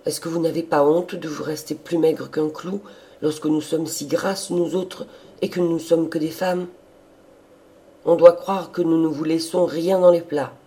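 A man voicing a gruff, bossy old female servant with a loud, scolding manner. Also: medium pitch, normal speed, natural voice.

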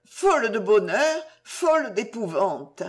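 A woman's voice: mid-range voice, sing-song, slow pace. A woman voicing a passionate, torn young woman in an audiobook, with exclamations full of emotion. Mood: rapturous. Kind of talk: audiobook character reading.

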